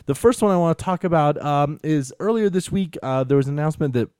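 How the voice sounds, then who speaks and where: A man's voice: on the high side, animated, fast, a little mellow, clean tone, dry recording, clean studio sound. An American man talking casually as a podcast co-host, rambling and earnest, often saying "you know". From United States. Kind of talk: casual tech podcast talk.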